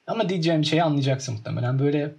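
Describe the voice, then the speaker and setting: A quick-talking young man with a slightly raised pitch, chatting casually. He tells stories with gusto and acts out scenes by mimicking the sounds in them. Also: gravelly, darkish tone. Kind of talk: casual chat.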